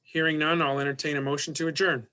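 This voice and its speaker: A man's voice: on the high side, flat delivery, quick pace, sharp tone. A man speaking as board president, running a meeting with formal procedural phrasing.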